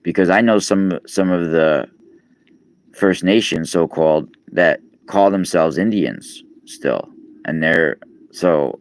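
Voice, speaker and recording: He takes his time, speaking slowly in a deep voice. A podcast host and radio guest in his 40s from New York on the East Coast, he rambles casually on a live stream, restarting often and leaning on fillers.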